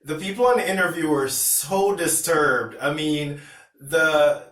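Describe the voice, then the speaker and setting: A man's voice: on the high side, a little slow, a bit bright. A man from Pennsylvania telling a personal story to camera in a casual, rambling way, with restarts and retold dialogue. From Pennsylvania, USA. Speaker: vlogger. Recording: roomy, distant from the mic.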